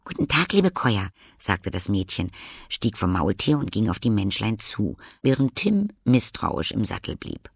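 Gravelly, husky German storyteller, man. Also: on the low side, expressive, a little slow, no echo, studio quality. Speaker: narrator. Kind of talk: audiobook reading.

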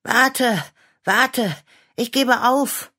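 A woman's voice: mid-range voice, sing-song, a little slow, fairly bright tone, voice pushed up. A woman voicing a playful, teasing young girl, the older sister in a children's story. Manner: teasing, cheeky.

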